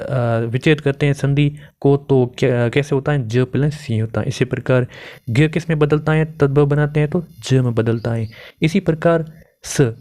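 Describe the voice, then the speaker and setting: In an exam-prep lesson on Hindi grammar, a young man asks his own questions and answers them. His voice sits in the mid-range and comes across a little mellow.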